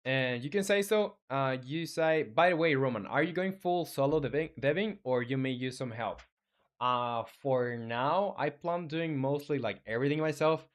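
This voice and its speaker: Chatting casually with viewers on a live game-dev stream, a young native Spanish speaker from Chile reads their comments aloud. He has a Chilean accent and a mid-range voice, and his talk is halting, with frequent restarts and fillers.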